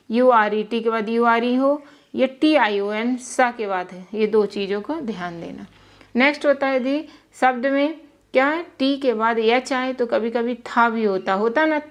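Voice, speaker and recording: A young woman teaching English pronunciation in a Hindi lesson, patiently repeating words and spelling out letters. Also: a little high. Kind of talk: Hindi-language lesson explaining spelling rules.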